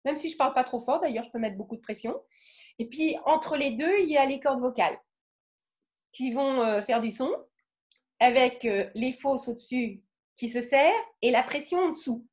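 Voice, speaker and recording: A French woman giving a lively talk on the voice, acting out emotions with sudden vocal bursts and often checking in with her audience. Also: high-pitched, normal speed. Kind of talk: lively spoken lecture with demonstrations.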